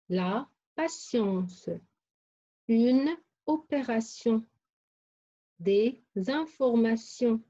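A woman's voice: a little high, warm tone, muffled recording. A woman teacher giving a phonics lesson, carefully saying and repeating words and syllables for young pupils. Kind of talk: slow, deliberate phonics lesson.

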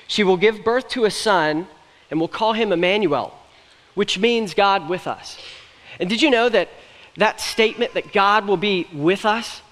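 This young man's voice is high and fairly bright as he gives a sermon from a church stage, speaking earnestly and conversationally and slipping in light jokes. The large hall behind him produces a long reverb on the recording.

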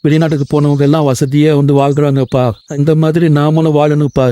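A man's voice: on the high side, level tone, fairly quick, dark tone, clean tone, natural voice. A man voicing a homesick young husband working abroad in a cartoon, earnest and pleading. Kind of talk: Tamil cartoon voice acting.

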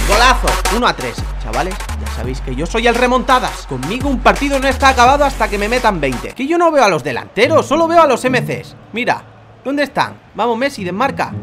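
A young man with a Spanish accent giving live football-game commentary, swinging between frustrated shouting and low muttering, swearing often. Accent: Spain. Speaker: gaming youtuber. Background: game music.

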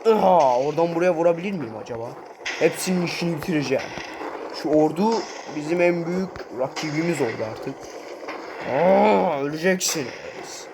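A man giving casual, excitable gameplay commentary, swearing often and talking straight to his viewers. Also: fairly high pitch, normal speed, background noise.

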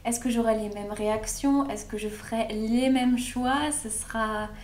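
A woman, a gaming YouTuber, chatting excitedly through a let's play with many fillers. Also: a little high, measured pace, a little hiss or hum. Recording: echoey room with music.

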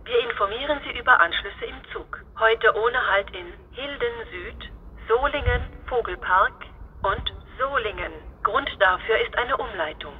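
A woman making a flat, formal platform announcement as a station announcer, in evenly segmented phrases. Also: a little high, unhurried. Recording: tinny phone-like band, hissy background noise.

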